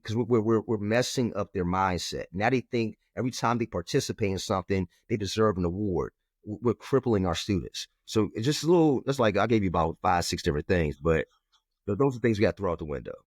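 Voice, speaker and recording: A math educator with a low, darkish voice speaks firmly and emphatically in a conversational interview, repeatedly saying "we gotta." The sound is clean studio audio with no room sound.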